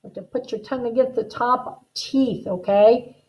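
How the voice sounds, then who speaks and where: A woman teaching a guided phonics lesson, slowly modeling words and sounds in an exaggerated, instructive way. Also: a little high, steady tone, a little mellow, rough recording. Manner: instructive, checks understanding with short tag questions. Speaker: reading teacher.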